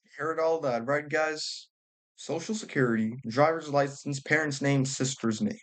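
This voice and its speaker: A commentary vlogger, a young man with a fairly high, slightly bright voice at normal speed, does reaction commentary. He's sarcastic and blunt, throws in slang, and stumbles over his words.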